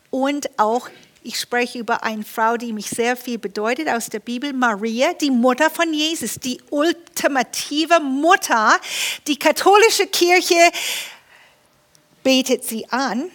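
High bright-voiced woman preaching. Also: takes it slowly, pauses often. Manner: lively storytelling preacher with humor. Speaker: pastor. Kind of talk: sermon. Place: church.

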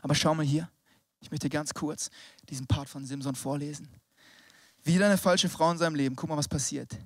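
Young male preacher, high register, dry close sound; casual slangy sermon, hushed whispers up to shouts. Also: steady tone, fairly quick, no echo. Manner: casual slangy German with English words mixed in. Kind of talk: lively youth sermon.

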